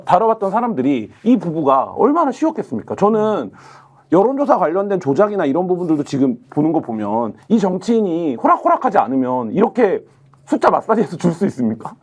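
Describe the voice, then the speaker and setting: Male panelist, quick and lively delivery, argumentative, pitched a bit high. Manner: animated, argumentative, rhetorical questions. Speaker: political panelist. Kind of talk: political talk show discussion.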